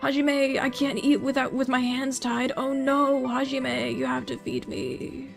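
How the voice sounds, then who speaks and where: A woman's voice: high-pitched, level tone, measured pace, vocal fry, over music, voice pushed up. Nagito, a woman putting on a whiny, pleading young man. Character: frantic hope-obsessed young man, tied up, whining.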